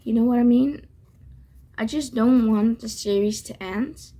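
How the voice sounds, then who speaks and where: A woman's voice: a little high, unhurried, mellow. A woman chatting casually to her viewers in a reading vlog, gushing and repeating herself to reassure them. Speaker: book vlogger.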